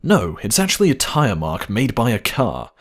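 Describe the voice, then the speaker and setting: Low-pitched man with very lively, swooping narration. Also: normal speed. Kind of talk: scripted list-video narration.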